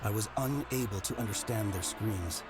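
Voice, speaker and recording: Male actor as brooding revolutionary judge, low voice, portentous dramatic narration, game cutscene, heavy music behind. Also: normal speed, close to an everyday voice. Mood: brooding, ominous. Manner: solemn, portentous. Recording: loud cutscene music over voice. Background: loud game music.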